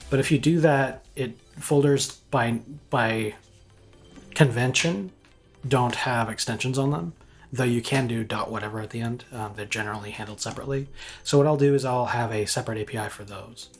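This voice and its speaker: A man walking through his game engine code live, thinking aloud in a halting way with frequent ums and restarts. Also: mid-range voice, faint music behind. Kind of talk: live coding walkthrough.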